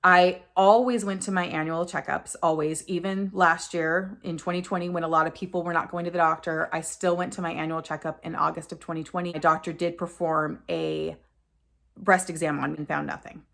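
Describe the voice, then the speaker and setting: A woman in her forties talks straight to the camera in an earnest, candid way. Her voice sits on the low side and has a gravelly fry. She often stops to correct herself mid-sentence. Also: steady tone, a little fast, fairly bright tone. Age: 40s. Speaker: vlogger sharing a personal story. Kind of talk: casual personal storytelling to camera.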